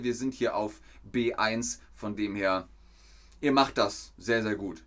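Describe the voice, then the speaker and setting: A man's voice: mid-range voice, fairly bright tone. A man teaching German to a live chat. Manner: asks viewers questions and reads out chat comments; repeats and rephrases sentences slowly for learners. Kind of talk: live-streamed language lesson with chat.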